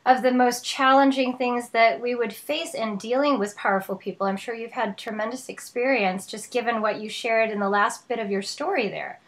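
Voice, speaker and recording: A woman's voice: on the high side, steady tone, moderate pace, hardly any pauses. A woman hosting an interview, enthusiastic and full of praise for her guest. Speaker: show host.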